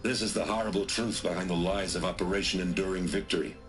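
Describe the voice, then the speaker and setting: An actor playing a grim military commander who confesses to lies, speaking in a solemn, measured way in a game. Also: male voice, low-pitched, steady tone, a bit bright. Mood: grave. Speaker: military commander in an audio log. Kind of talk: game voice acting. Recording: game audio with music behind.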